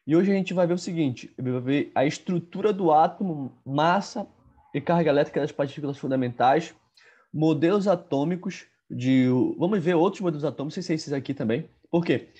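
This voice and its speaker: A man teaching an exam-prep chemistry lesson, halting with fillers and asking "tudo bem?" after nearly every phrase. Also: on the high side, warm tone, slightly rough, lo-fi sound.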